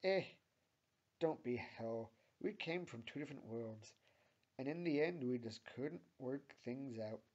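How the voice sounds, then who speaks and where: A man's voice: medium pitch, animated, unhurried, a little mellow. A cocky, sarcastic teenage girl, read by a man with little change from his own voice. The sound is dull and lo-fi.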